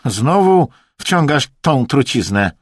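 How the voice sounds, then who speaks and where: A man voicing a calm, cryptic male Chinese shaman with a high, sly, drawn-out manner. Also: dry recording, clean studio sound.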